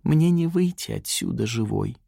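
A man's voice: medium pitch, expressive, moderate pace, gravelly, warm tone, slightly rough, no echo, clean studio sound, exaggerated voice. A man voicing a cocky, scheming young woman who taunts her timid other self. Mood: fake pleading.

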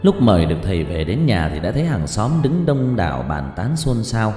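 A man narrating a scripted horror story in a dramatic, expressive way. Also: fairly low pitch, fairly quick. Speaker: audiobook narrator. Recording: roomy reverb with faint music.

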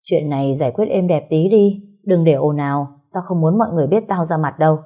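A woman's voice: deep voice, a little fast, mellow. A woman voicing a cold, decisive older sister who leads a gang, speaking curtly. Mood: commanding. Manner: cold, curt.

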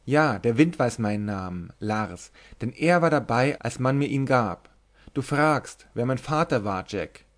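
A sharp-tongued young woman, as a male storybook reader puts her on, bold and mocking. Her retorts come teasing and quick, and at times she drifts into half-chanted rhymes. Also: mid-range voice, animated, natural voice.

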